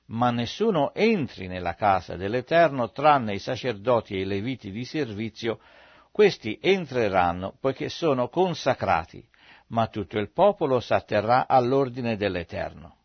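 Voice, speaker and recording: A man reading aloud from the Bible in a measured, steady way. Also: mid-range voice, dry recording. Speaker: Bible reader. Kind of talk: scripture reading. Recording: dry, slightly dull recording.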